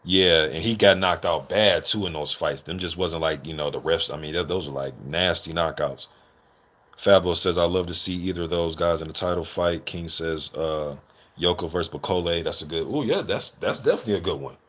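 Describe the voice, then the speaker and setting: His voice sits low, brisk and a bit bright. He's a boxing commentator hosting a live stream, talking casually to viewers with slangy, informal language and some swearing.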